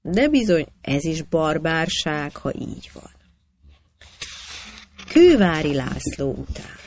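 A narrator reading historical anecdotes aloud with a measured storytelling cadence. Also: medium pitch, very animated.

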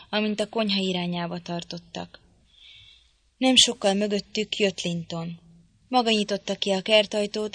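A woman narrating a novel in an audiobook in a measured storytelling manner. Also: medium pitch, a bit bright, no room sound.

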